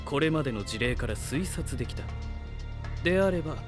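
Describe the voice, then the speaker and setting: A man with a slightly high, animated, natural voice speaks fairly quickly over background music. He plays a confident, theatrical young scientist in an anime-style voice drama, making grand, self-assured declarations in a proud, showy mood.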